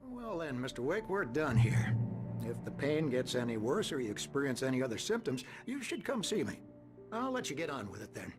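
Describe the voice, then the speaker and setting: Game role: kindly old country doctor-fisherman male actor, folksy, reassuring, animated pitch, music underneath. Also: moderate pace, natural voice. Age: older. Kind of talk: video game dialogue.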